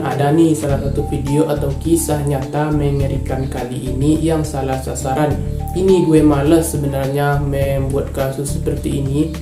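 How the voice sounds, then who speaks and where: A man from Indonesia narrating a true-crime story in a casual, informal way, openly angry at the wrongdoer. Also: mid-range voice. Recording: echoey room with faint music.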